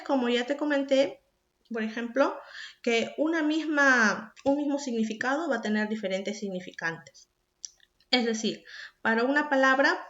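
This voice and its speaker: A woman's voice: fairly high pitch, fairly bright tone. A woman from Peru, a secondary school teacher explaining a recorded class and speaking directly to the student with questions. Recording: echoey room, dull lo-fi sound.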